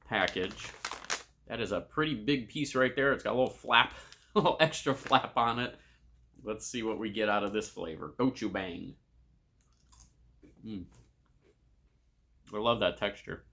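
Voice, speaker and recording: A man with a bright, crisp-edged voice hosts a casual food review. He speaks straight to the camera in an informal way, tasting and crunching chips between his comments. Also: fairly low pitch. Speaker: snack review host.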